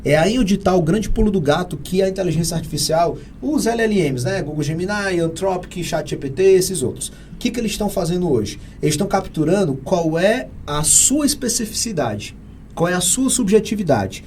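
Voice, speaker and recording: A Brazilian Portuguese-accented man speaking as an interview guest, his voice high for a man and mellow in tone. He explains with energy and emphasis, like a teacher throwing out rhetorical questions. A faint hum of background ambience sits under the recording. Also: lively intonation, a little fast. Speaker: real estate AI consultant guest. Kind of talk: conversational interview answers.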